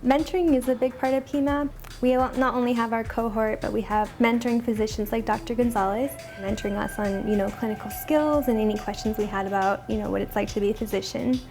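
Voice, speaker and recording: Female medical student from New Mexico, high, gravelly voice, earnest, faint music. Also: steady tone, fairly quick. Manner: earnest, uses "you know" often. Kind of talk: interview testimony.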